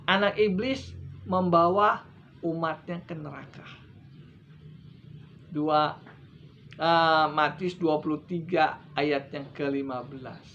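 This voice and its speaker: A man's voice: a little high, a bit bright. Emphatic preacher man, lo-fi recording. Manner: emphatic, rising and dropping sharply for stress. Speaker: evangelist preacher. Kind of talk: sermon. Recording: slightly dull lo-fi recording with faint noise.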